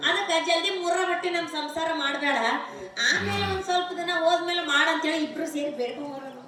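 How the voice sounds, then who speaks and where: A woman playing a sharp-tongued young village bride, firing back quick scolding retorts in a North Karnataka Kannada accent. Her voice is very high. It echoes around a stage, caught from a distance with music behind. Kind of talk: live village stage play. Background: instrumental music.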